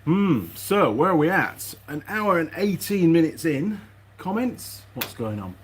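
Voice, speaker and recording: In a casual, rambling workshop vlog, a mechanic host mutters to himself, hesitant and meandering as he chats. His voice is fairly high and sing-song, a little slow. The workshop recording is noisy, full of clicks and rustling parts.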